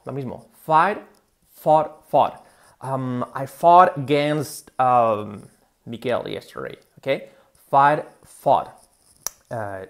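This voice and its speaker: Gravelly man teaching English. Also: medium pitch. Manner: explains with many fillers and restarts, models English words. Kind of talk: casual video lesson.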